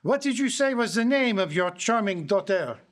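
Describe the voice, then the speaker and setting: A man's voice: high-pitched, very animated, moderate pace. A man playing a fussy, clever detective in a live mystery drama, formal and courteous in theatrical phrasing. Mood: assured, intent. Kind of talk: live radio-style mystery drama acting.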